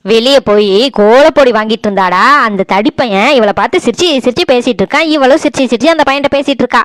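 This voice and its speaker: A sharp-tongued older mother-in-law, voiced by a woman with a Tirunelveli Tamil accent, accusing and self-pitying by turns. The voice sits a little high and sounds smooth and clean, recorded dry and close for a cartoon. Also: fast talker, no echo, close to an everyday voice. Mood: indignant. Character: domineering older mother-in-law, quick to scold. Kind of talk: cartoon voice acting.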